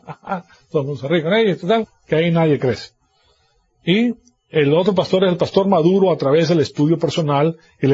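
Husky-voiced man preaching a sermon. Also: fairly high pitch, a little mellow, dull audio. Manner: preaching with mocking mimicry of others. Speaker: pastor.

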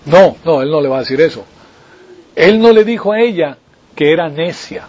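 This preacher has a slightly high, darkish voice with lively intonation and a normal pace. He keeps his sermon conversational, regularly seeking the audience's assent, on a dull lo-fi recording.

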